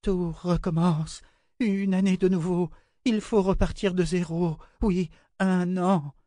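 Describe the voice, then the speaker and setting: A man voicing a raving sorceress, high and frantic. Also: steady tone, takes it slowly, mellow, no room sound. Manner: high sing-song muttering, repeating words. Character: crazed female sorceress, raving and terrified.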